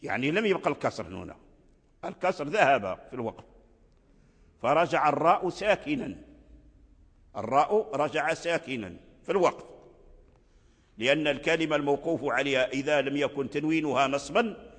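A man's voice: on the high side, lively intonation, brisk, long pauses, fairly bright tone, slightly rough, big-room sound. A man teaching Quranic recitation rules in a religious lecture, explaining patiently and repeating words, drawing out example words in a recitation tone.

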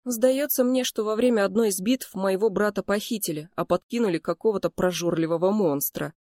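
A woman voicing a hot-headed young male twin mage, shrill and exasperated. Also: a little fast, mellow, no room sound, studio quality, close to an everyday voice.

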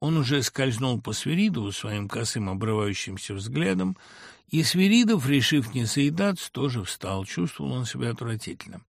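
A man reading a novel aloud as an audiobook narrator, expressive and acting out many characters. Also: medium pitch, moderate pace, creaky, dry recording, clean studio sound.

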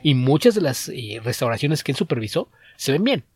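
A man's voice: medium pitch, very animated, brisk, darkish tone, breathy edge. A man co-hosting a podcast, chatting casually and in depth, often restarting his sentences. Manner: knowledgeable, digressive, frequent restarts. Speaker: podcast co-host. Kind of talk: casual chat.

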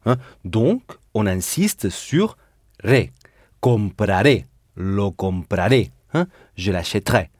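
Slow husky-voiced male language teacher. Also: mid-range voice, a little mellow, no room sound, clean studio sound. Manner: patient, explanatory, stresses word endings. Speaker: Spanish teacher. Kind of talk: recorded language lesson.

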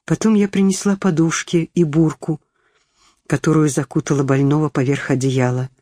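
A woman narrating a storybook in a calm, measured way. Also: deep voice, dry recording, clean studio sound. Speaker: audiobook reader. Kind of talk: scripted narration.

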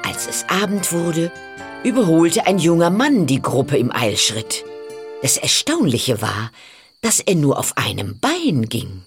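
A woman reads a fairy tale aloud in a low voice, taking her time with each sentence. Her pitch moves a lot as she tells the story. Soft music sits faintly underneath. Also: a little slow. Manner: calm, expressive storytelling. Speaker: narrator.

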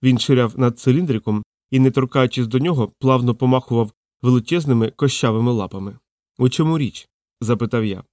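A man reading an audiobook aloud in a wry, lively storytelling manner, close to the mic. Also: medium pitch, quick pace, no echo. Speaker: audiobook narrator.

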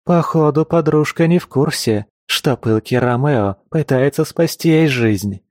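A man's voice: mid-range voice, measured pace, darkish tone, dry recording, studio quality, natural voice. A man voicing a vengeful female beast-woman assassin who growls her threats in an audiobook. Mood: menacing. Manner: growling, menacing.

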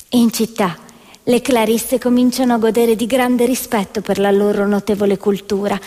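With music playing in a reverberant hall, a woman actress declaims scripted storytelling narration for the stage. Her voice is a little high and mellow.

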